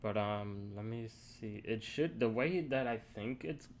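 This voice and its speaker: A young man casually thinking aloud and answering chat on a live coding stream, halting and rambling as he works. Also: on the low side, a little hiss or hum. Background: keyboard typing.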